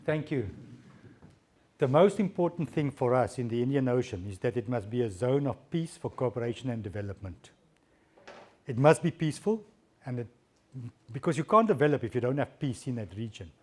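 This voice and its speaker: A man speaks as a diplomat fielding questions after a lecture. His tone is dark and mellow. He is thoughtful and halting, restarting phrases and repeating small words. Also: mid-range voice, lively intonation. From South Africa. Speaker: diplomat giving a guest lecture. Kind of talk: lecture answering audience questions.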